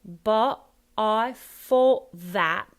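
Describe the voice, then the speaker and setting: A woman's voice: high voice, animated, measured pace, a bit bright, pitched above the performer's own voice. A woman putting on a jolly Cockney henchman. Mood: broad, jolly. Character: scruffy Cockney henchman, man, dim and jolly.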